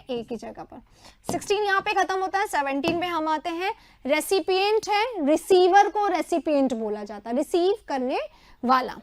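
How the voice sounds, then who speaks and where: A woman teacher running an exam prep lesson, repeating word meanings in quick lists. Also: high voice, dry recording. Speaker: English teacher.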